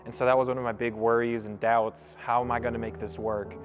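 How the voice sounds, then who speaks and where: A man's voice: mid-range voice, flat delivery, brisk, music in the background. A young man from Germany speaking casually in a documentary interview. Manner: casual, conversational.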